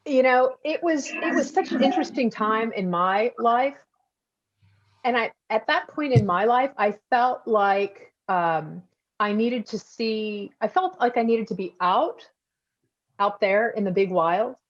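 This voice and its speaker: A woman's voice: a little high, animated, measured pace. Woman from Texas, photographer-author, reflective and rambling, muffled video call sound. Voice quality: reflective, rambling with many restarts. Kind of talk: casual talk answering audience questions. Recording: dull lo-fi video call audio.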